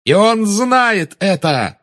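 A man voicing a defiant teenage boy wizard who shouts through pain. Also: high-pitched, very animated, takes it slowly, pitched above the performer's own voice, full character voice. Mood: mocking.

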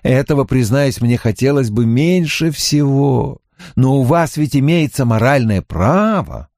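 A man's voice: medium pitch, lively intonation, unhurried, darkish tone, no echo. A man narrating an audiobook in the first person, dry and wry in tone.

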